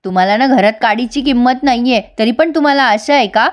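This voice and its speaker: A woman's voice: fairly quick, natural voice. A woman doing Chitra, a bitter quarrelsome daughter-in-law. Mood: resentful. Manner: shrill, quarrelsome, sarcastic. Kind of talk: storytelling recap with acted dialogue.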